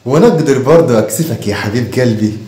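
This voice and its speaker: Brief: man doing a sarcastic, teasing Egyptian dad, lively swooping sing-song, echoey room. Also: mid-range voice, fast, lightly acted. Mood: mocking. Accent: Egyptian Arabic. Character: mocking, stingy father teasing his son. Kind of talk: home comedy sketch.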